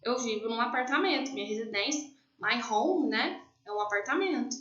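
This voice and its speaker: A woman's voice: fairly high pitch, lively intonation, fairly bright tone. Brazilian woman teacher, patient explainer, dull lo-fi sound. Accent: Brazilian Portuguese. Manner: explanatory, slows down to stress key terms. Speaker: English teacher. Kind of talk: classroom lesson explanation. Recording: echoey, distant, dull lo-fi.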